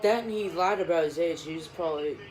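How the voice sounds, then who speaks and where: A speaker joining a casual wrestling reaction chat, laid-back with quick quips. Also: medium pitch, darkish tone, low-quality recording.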